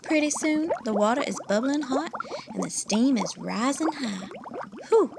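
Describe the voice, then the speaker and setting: A woman reading a children's picture book aloud in a slow, playful, folksy way, asking her young listeners questions. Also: sits high, lively intonation, vocal fry, background noise. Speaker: storyteller.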